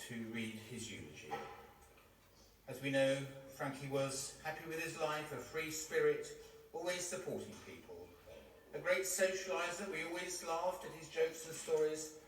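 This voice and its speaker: A man leading a funeral service, speaking in a measured and formal way. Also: fairly high pitch. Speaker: funeral celebrant. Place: crematorium chapel. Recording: echoey chapel, distant mic.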